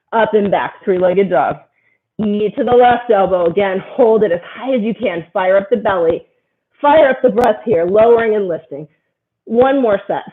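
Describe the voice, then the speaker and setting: A woman leading a yoga class, giving a steady stream of short, encouraging cues about posture and breath. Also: mid-range voice. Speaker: yoga instructor. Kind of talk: guided yoga class instruction. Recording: tinny phone-like sound.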